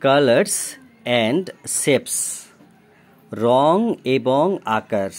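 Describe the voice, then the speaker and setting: Man spelling out words slowly. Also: medium pitch, animated. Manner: spells words letter by letter, then gives meanings; often checks understanding with questions. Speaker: tutor. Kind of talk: recorded homework lesson for a child.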